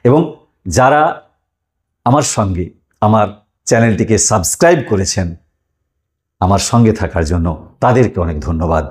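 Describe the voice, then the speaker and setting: A man's voice: on the low side, expressive, normal speed, pauses often. A man teaching a lesson online, explaining step by step, drawing out sounds and asking listeners questions.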